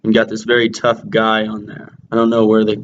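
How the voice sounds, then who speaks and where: A man's voice: on the low side, monotone, brisk. A man co-hosting a casual review, making dry, crude jokes while talking with a lip full of chewing tobacco. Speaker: co-host reviewing dipping tobacco. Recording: dull lo-fi audio with faint background noise.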